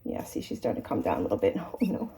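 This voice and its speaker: A woman's voice: very deep voice, wildly swooping pitch, quick pace, dark tone, low-quality recording. A woman hand-feeding a baby bird at home in her kitchen, cooing baby talk to the bird and chatting casually to the camera. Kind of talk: casual home video chat.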